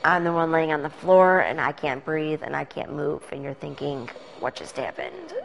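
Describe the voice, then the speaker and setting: A woman's voice: low voice, steady tone, moderate pace, gravelly, slight background noise, poor audio. A young woman talking candidly and casually in a news interview, with "like" and "you know" sprinkled in. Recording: soft music underneath.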